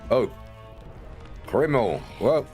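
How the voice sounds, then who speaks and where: A man's voice: medium pitch, very animated, takes it slowly, darkish tone. A man giving casual gameplay commentary, slipping into playful in-character narration. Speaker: game streamer. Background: game music.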